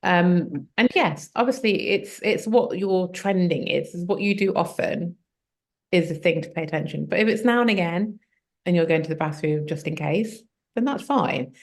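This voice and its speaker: A woman, a health coach as guest, explaining at length in a relaxed conversational way with many fillers. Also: fairly low pitch, moderate pace. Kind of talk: conversational interview.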